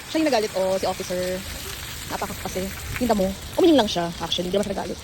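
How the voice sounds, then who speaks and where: A woman vlogging on a climb up long outdoor stairs, chatty and animated, out of breath, mixing in English and laughing often. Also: mid-range voice, very fast. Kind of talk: casual travel vlog chat. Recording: outdoor phone audio with clear background noise.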